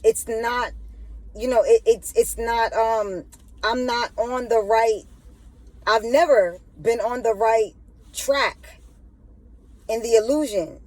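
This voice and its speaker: A woman with a slightly high, darkish voice hosts a spiritual monologue on her channel, taking it slowly with long pauses. She stutters and leans on the repeated phrase "you know what I'm saying"; the recording is low quality, with no echo.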